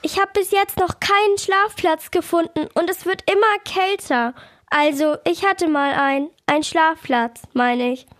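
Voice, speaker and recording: A woman's voice: extremely high pitch, a little slow, a bit bright, no room sound, studio quality. A woman voicing a tired, anxious little dormouse in a children's audio story. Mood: fretful. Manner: whiny, fretful.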